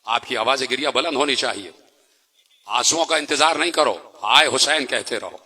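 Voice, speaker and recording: Husky, sharp-voiced mourning preacher. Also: male voice, mid-range voice. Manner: exhorting the crowd with rapid rhetorical questions. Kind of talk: impassioned mourning sermon.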